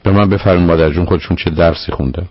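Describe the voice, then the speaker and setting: Male radio psychologist, low husky gravelly voice, firm lecturing manner, dull lo-fi broadcast sound. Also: steady tone, no room sound. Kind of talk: call-in advice counseling.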